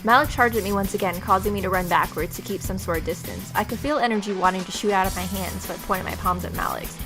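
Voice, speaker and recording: Over game music, a fast-talking young woman with a mid-range voice hosts a let's-play video. She voices the game narration with expression and adds casual, playful reactions.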